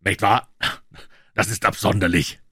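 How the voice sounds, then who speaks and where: A man voicing a shrewd, calm detective who explains in a low, measured, quietly assured way in an audiobook. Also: husky, no echo, clean studio sound, full character voice. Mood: dry. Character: shrewd calm male detective, dryly ironic. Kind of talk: audiobook character voice.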